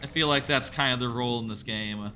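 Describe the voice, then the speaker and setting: A man's voice: mid-range voice, quick pace. A man giving casual game commentary as a gaming video host, musing tentatively with wry asides into a close mic. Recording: game music under the voice.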